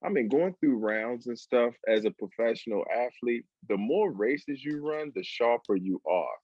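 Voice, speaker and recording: A man chatting casually over a video call, joking and laughing between quick asides. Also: mid-range voice, lively intonation, a little mellow, breathy edge, no room sound, dull audio. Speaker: co-host joining by video call. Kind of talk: casual chat.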